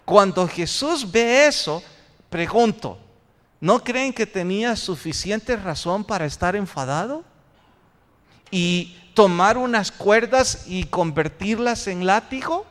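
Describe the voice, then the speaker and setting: A man's voice: high voice, lively intonation, slow, fairly bright tone. A man preaching a sermon as pastor, posing rhetorical questions to his congregation. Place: church sanctuary. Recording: long church reverb.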